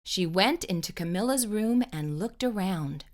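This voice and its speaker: A woman narrating a children's storybook expressively, with deliberate, dramatic pauses. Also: medium pitch, animated. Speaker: children's storytime host reading aloud.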